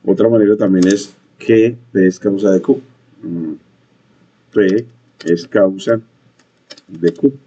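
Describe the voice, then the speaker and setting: A man teaching a coding lesson, talking in a halting way with many fillers and repeated phrases. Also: lowish voice, mellow, slightly rough. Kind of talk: screen-share coding lesson. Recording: dull lo-fi mic.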